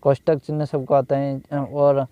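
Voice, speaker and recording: A man teaching a grammar lesson, repeating each phrase and pausing to think with restarts. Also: mid-range voice, monotone, clear, resonant tone, no room sound. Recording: dull lo-fi dry recording.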